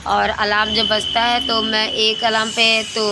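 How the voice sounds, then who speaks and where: A middle-aged Indian woman, a lifestyle vlogger who is also a homemaker and mother, chats casually about her daily routine, repeating phrases and hunting for words. Her voice sits on the high side with little pitch movement, at a moderate pace. Ambient sound and passing vehicles are clearly audible behind her.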